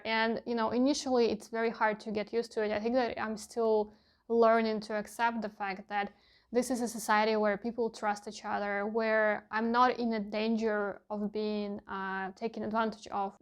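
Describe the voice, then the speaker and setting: A young woman with a mid-range voice, whose first language is Russian, talks candidly in a casual vlog. She often pauses with fillers while searching for words.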